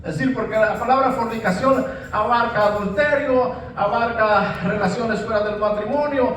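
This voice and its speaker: A man's voice: high-pitched, normal speed, fairly bright tone, a little hiss or hum. A man preaching a sermon, emphatic, often repeating words and saying amen. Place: church hall. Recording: very echoey church hall, mic at a distance.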